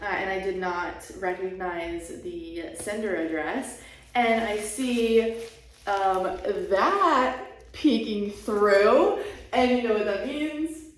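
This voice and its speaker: Excitable woman vlog host, slow delivery, heavy bare-room echo, a little off-mic. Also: medium pitch, far from the mic. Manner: gushing and excitable. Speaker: channel host. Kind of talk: casual unboxing vlog. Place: bare, half-furnished room being set up as a studio.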